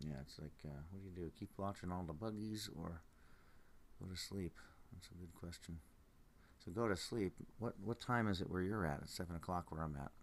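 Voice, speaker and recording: A man's voice: low-pitched, fairly quick, slight background noise. A groggy man who has just woken up, musing casually and unhurriedly as he sells specimens on a livestream, trailing off mid-thought. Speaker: live auction seller showing amber specimens.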